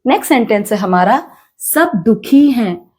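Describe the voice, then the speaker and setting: A woman with an Indian accent teaching a spoken English lesson, slowly repeating each phrase and quizzing the learners. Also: on the high side, sing-song, a little mellow, breathy edge. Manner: slow, repeats each phrase, asks the class questions.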